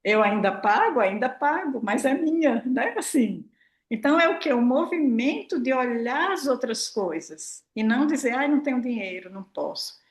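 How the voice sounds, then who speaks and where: A woman's voice: sits high, normal speed. A woman, talking casually and expressively to her audience as a prosperity mentor, acting out her own remarks. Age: 60s. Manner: chatty, expressive, acts out her own quotes, tag questions. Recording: roomy echo.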